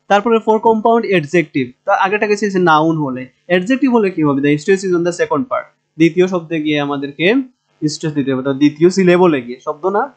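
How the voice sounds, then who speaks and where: A man lecturing on linguistics in a Bangladeshi Bengali accent, with a slightly higher voice than most men. He stretches out each example word slowly and fills his pauses with hesitant sounds. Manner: slow, drawn-out sounding of example words with hesitant fillers. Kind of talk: recorded lecture.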